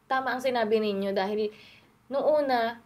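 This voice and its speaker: Polite, soft-spoken Filipina guest. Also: female voice, on the high side, moderate pace. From Philippines. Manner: polite, uses respectful ho and po, hesitant. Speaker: guest painter. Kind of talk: casual chat.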